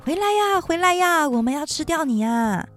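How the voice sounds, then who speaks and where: A woman's voice: high voice, sing-song, unhurried, darkish tone, faint music behind, pitched above the performer's own voice. A woman voicing a homely old grandmother who bakes, speaking in an exclaiming storybook manner. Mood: calling out. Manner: exclaiming, calling out.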